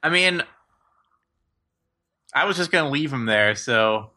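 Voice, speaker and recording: A man joining a tabletop game, his voice very bright and pushing forward. He jokes and talks plans through in a relaxed, easy way. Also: mid-range voice, measured pace. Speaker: player. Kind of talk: casual tabletop play.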